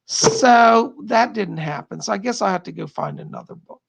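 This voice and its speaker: A middle-aged psychic host chats casually from home on a live stream, reading out viewer comments, rambling and laughing a lot while his strained, tired voice gives out. It's high-pitched, gravelly, slightly rough, and fairly bright, with lively intonation and a moderate pace. The recording is low quality.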